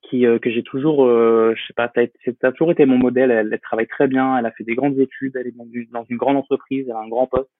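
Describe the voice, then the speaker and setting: Young male guest, halting and filler-heavy, on a tinny dry call line. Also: medium pitch, steady tone, no echo. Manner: hesitant, many fillers and restarts. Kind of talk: casual interview talk.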